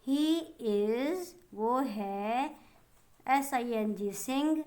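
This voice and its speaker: Slow-spelling woman teacher with Pakistani accent. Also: a little high, darkish tone. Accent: Pakistani Urdu. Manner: slow, spells words letter by letter and translates them; addresses pupils fondly as children. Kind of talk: online class lesson for young children.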